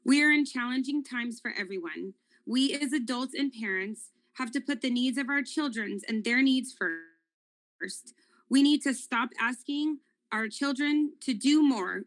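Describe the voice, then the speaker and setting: A woman's voice: fairly high pitch, unhurried. A woman, a parent, making an earnest public comment at a school board meeting over a video call, with repeated appeals.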